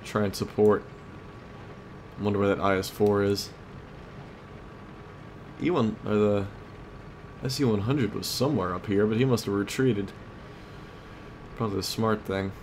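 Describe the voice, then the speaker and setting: A let's play host gives relaxed commentary on a tank game, working through his thinking in short tactical remarks while vehicle and battle noise plays clearly underneath. His voice is fairly low with a darkish tone, and he speaks at a measured pace with long pauses.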